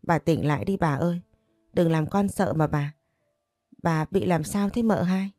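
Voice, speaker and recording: Lady doing a teary young maid, pleading, low warm voice. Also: measured pace, no echo, clean studio sound, faint music behind. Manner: pleading, sobbing. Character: young maid, tearful and loyal.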